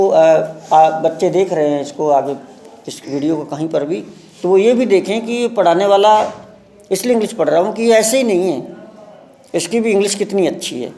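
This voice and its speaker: A male English teacher giving a live class lesson, reading English lines slowly word by word and explaining pronunciation. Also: high voice, mellow. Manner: reads English aloud very slowly, word by word, then explains in Hindi.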